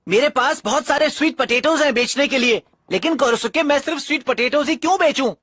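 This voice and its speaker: Boastful bully boy, high and bright, pushy delivery. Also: fast, dry recording, studio quality. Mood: brash. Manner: brash, loud. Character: tough, boastful boy nicknamed Buta Gorilla. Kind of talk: Hindi cartoon dub.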